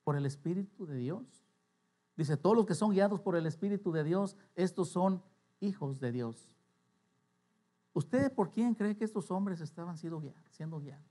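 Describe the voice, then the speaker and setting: A man's voice: high-pitched, animated, normal speed, warm tone. A man preaching a sermon in church, telling stories with quoted voices and rising to emphatic preaching. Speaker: pastor.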